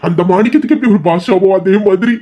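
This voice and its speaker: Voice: medium pitch, expressive, fast, warm tone, natural voice. A voice actor playing a boastful young village lad who casts himself as a dramatic hero, in a comic story. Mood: melodramatic. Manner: swaggering boasts, mock-heroic tone.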